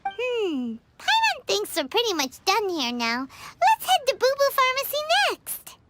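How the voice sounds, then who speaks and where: Paimon, a squeaky fairy sidekick. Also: female voice, huge pitch swings, unhurried, heavy background noise, heavily acted. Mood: chirpy. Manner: chirpy, refers to herself in third person. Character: tiny floating female fairy companion, excitable. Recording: game audio with loud music behind. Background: game music.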